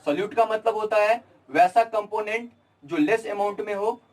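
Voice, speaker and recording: A man's voice: high-pitched, normal speed, a little mellow, recorded from a distance, poor audio. A young man teaching chemistry at a board, repeating his own questions and answering them. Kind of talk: classroom lecture at a board.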